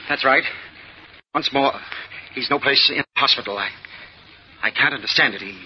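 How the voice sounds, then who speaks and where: A man's voice: mid-range voice, moderate pace, husky, natural voice. A man playing a flustered hospital doctor in a 1940s radio drama, stammering and hesitant. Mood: worried. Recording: dull lo-fi old radio recording.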